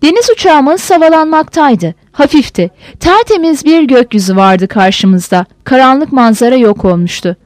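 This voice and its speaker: A woman reading a novel aloud as a narrator with expressive storytelling. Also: sits high, normal speed, hardly any pauses, no room sound. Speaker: audiobook narrator. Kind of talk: scripted narration.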